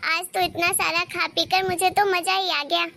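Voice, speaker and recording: A woman's voice: extremely high pitch, level tone, normal speed, gravelly, bright, forceful tone, a little hiss or hum, full character voice. A woman voicing a middle-aged mother-in-law who talks in a homely, affectionate, talkative way in a cartoon story.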